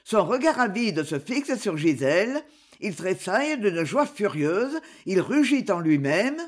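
A woman narrating a classic novel as an audiobook with an expressive, theatrical reading. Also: mid-range voice, a little slow.

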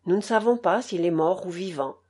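A woman's voice: lowish voice, moderate pace, a little mellow, husky. A woman reading aloud voices a worried middle-aged innkeeper father, in a plain and earnest tone.

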